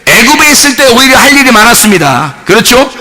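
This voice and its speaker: A male pastor preaching a Sunday sermon, firing questions at the congregation and swinging from shouts to hushed tones. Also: very high voice, very animated, quick pace.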